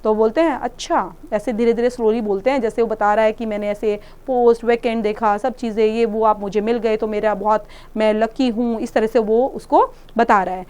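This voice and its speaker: Woman teaching a class 7 chapter, high voice, reads then explains in hindi. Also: fairly even intonation, moderate pace, darkish tone, clear, resonant tone. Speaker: English teacher. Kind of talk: reading and explaining a textbook chapter.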